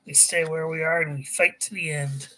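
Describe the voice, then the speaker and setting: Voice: mid-range voice, fairly even intonation, moderate pace, pushed and bright, a little hiss or hum, lightly acted, low-quality recording. Admiral Dietrich, a reader doing a defiant fleet admiral. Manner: firm, resolute. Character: stubborn male German admiral, defiant.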